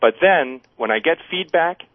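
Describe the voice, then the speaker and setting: A man's voice: a little high, expressive, moderate pace, no echo. A man with a standard American accent giving casual, anecdotal answers as an interview guest, explaining things step by step. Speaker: guest winemaker. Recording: thin phone-like radio line.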